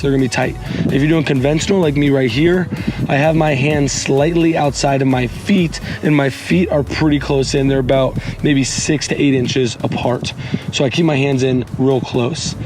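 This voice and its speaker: A man with a hoarse, raspy, lost voice giving a casual, instructional fitness voiceover as a coach, chatting informally to his viewers. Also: steady tone, normal speed, over music. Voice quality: raspy, strained, squeaky breaks. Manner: informal, addresses viewers as guys, repeats instructions. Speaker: fitness coach hosting a workout show.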